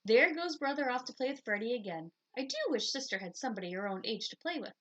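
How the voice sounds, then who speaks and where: A woman voicing a caring, gently concerned mother bear in a children's storybook. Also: fairly high pitch, expressive, fast, highs cut off.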